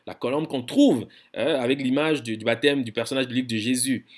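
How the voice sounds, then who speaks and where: Halting man giving a scholarly lecture. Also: mid-range voice, fairly even intonation. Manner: halting, repeats words while searching for phrasing; slows down to spell out foreign words.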